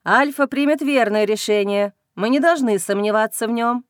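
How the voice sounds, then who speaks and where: A woman's voice: a little high, moderate pace, no echo, lightly acted. Woman reading as a cool dismissive male werewolf, unbothered, dry close sound. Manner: calm, dismissive. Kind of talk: audiobook character reading.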